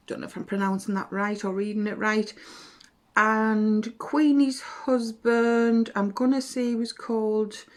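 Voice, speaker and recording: A woman chatting casually to camera about books she has read, rambling and correcting herself. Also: mid-range voice. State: has a cough. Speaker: booktube vlogger. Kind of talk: casual book chat to camera.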